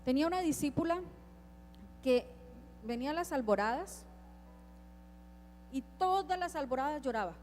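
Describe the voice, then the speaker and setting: A woman with a high voice preaches a sermon to her church. She speaks with emphasis and keeps asking the congregation questions, while faint music plays behind her. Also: lively intonation, normal speed, pauses often, a little mellow.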